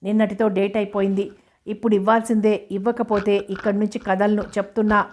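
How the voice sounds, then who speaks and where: A woman voicing a crude, pushy middle-aged female moneylender who talks roughly and scolds loudly. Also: mid-range voice, level tone, brisk, lightly acted. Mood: scolding.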